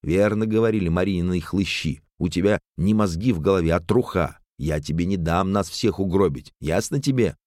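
A man voicing a cold, furious woman who heads the village, speaking in an icy, cutting, deliberate way. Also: lowish voice, steady tone, a little mellow, clear, resonant tone, dry recording, studio quality, close to an everyday voice. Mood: cold fury.

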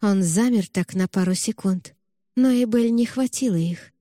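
A woman reading a novel aloud with an expressive, emotional delivery. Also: medium pitch, moderate pace, no echo, clean studio sound. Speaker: narrator. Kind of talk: audiobook narration.

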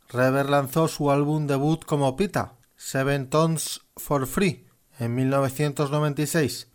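A man hosting a radio programme, reading a scripted music presentation in a measured, informative way. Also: mid-range voice, smooth. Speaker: radio host.

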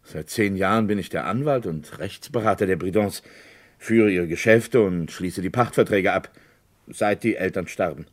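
Playing the village lawyer in a German crime radio drama, a low-pitched male actor adopts a matter-of-fact mood. He speaks in a formal, deliberate way, pausing hesitantly and hinting at things with discretion.

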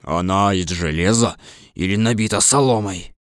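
A huge cowardly lion, as a man acts him out, rumbling in a very low, dark voice. He sounds bashful and sorry for himself, in the manner of a storybook reading. The recording is close and dry. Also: normal speed, no echo, close to an everyday voice. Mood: sheepish. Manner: bashful, self-pitying storybook acting. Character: huge cowardly male lion, timid and tearful. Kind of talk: dramatized audiobook reading.

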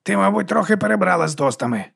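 A man's voice: high voice, expressive, very fast, creaky, fairly bright tone, slightly rough, pitched above the performer's own voice, heavily acted. A man voicing a blunt brash werewolf woman. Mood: wry.

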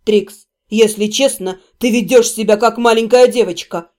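A woman voicing a calm, ironic young male necromancer in a storybook reading, speaking softly and with mockery. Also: on the high side, normal speed, voice pushed down, lightly acted. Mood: exasperated. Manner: soft, mocking.

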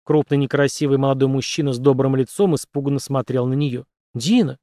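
A man reading a story aloud as narrator, in an expressive storytelling manner. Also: mid-range voice, fast, dry recording, studio quality. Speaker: audiobook narrator. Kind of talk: scripted narration.

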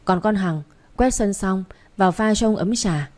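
A woman reading the part of a gruff middle-aged man who heads the household and speaks in a bossy, scolding way, in a narrated story. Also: mid-range voice, moderate pace, a little mellow, close to an everyday voice.

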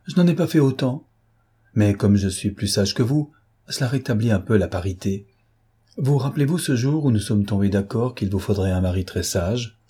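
Platon, a man doing a gentle teasing suitor. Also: on the low side, lively intonation, moderate pace, husky. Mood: tender teasing. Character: calm, gentle young suitor, teasing and sure. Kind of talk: audiobook character reading.

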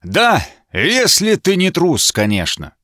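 A man reading a story aloud and voicing a proud, hot-tempered male knight who shouts everything he says. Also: mid-range voice, animated, moderate pace, no echo, studio quality, voice pushed up, close to an everyday voice. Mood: boastful. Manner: shouting, blustering.

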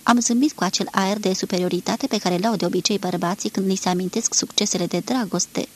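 Woman reading a novel aloud, husky. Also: mid-range voice, fairly even intonation. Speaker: reader of a novel. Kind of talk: scripted literary narration. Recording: 1983 archive radio recording.

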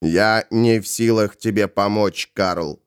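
A man voicing a resolute male inquisitor who speaks calmly, measured and firm. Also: lowish voice, clear, resonant tone, no echo, studio quality, pitched below the performer's own voice. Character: cold, resolute male inquisitor, calm and unyielding. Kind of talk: audiobook character voice.

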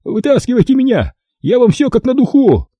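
A man voicing a squeaky, cowardly male accomplice, eager to betray his boss. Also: sing-song, brisk, mellow, slightly rough, no echo, studio quality, full character voice.

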